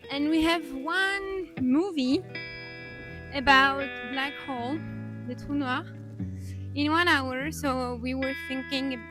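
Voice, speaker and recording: A woman vlogger talking in a casual, chatty way. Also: high-pitched. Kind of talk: casual vlog chat. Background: clear guitar music.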